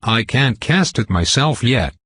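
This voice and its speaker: A man's voice: medium pitch, animated, measured pace, a bit bright, husky, no room sound, studio quality. A man narrating a storybook, voicing a cautious, guarded young male student. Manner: careful, guarded.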